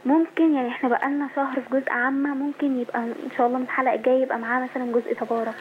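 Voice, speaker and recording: Rapid high Egyptian woman on phone line. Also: little pitch movement. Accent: Egyptian Arabic. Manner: polite, rushed speech. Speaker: caller. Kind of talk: phone call to a live show. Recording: tinny phone line with faint noise.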